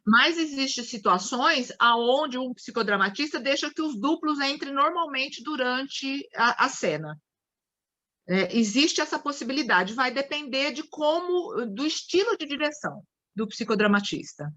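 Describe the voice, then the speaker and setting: A woman's voice: high-pitched, lively intonation, measured pace, pushed and bright. A Brazilian woman lecturing a study group on psychodrama, explaining with acted-out examples and frequent restarts. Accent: Brazilian Portuguese.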